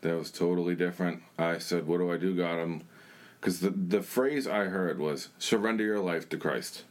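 In conversation, a young church member tells his personal testimony bluntly and plainly, his low-pitched voice moving at a normal speed.

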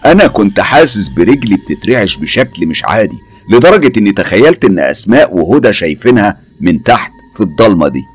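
Deep husky Egyptian horror storyteller. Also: male voice, big pitch swings, fast talker, faint music behind. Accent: Egyptian Arabic. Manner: dramatic, suspenseful. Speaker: narrator. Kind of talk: first-person horror storytelling.

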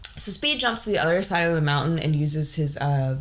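A woman's voice: low voice, fairly quick. Casual woman podcaster retelling a movie, voice swings all over, laughing. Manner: animated, laughs often, acts out characters' lines. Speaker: podcast co-host. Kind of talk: casual chat recapping a film.

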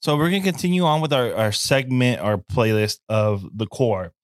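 A man co-hosting a podcast, introducing the guest and joking in quick back-and-forth. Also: medium pitch, no echo, clean studio sound. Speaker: podcast co-host. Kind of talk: casual podcast chat.

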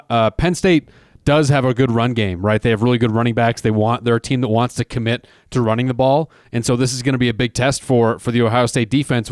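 A male co-host chats casually about college football picks and moves the show between games. His voice comes through smooth and clear, with a dry, close sound. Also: mid-range voice, dry recording. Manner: conversational, leads segments. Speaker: sports betting show co-host. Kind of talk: casual sports chat.

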